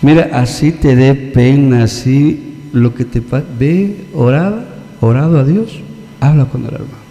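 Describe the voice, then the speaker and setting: A man's voice: mid-range voice, unhurried, dark tone. A man with a Mexican accent preaching a conversational sermon, acting out the voices of people he quotes. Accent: Mexican Spanish. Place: church hall. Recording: long church reverb.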